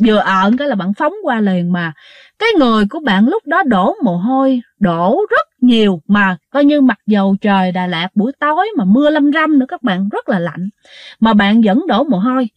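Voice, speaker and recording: A woman telling ghost stories to her listeners in a casual, animated way, acting out the quoted dialogue. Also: on the high side, no room sound. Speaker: ghost story narrator.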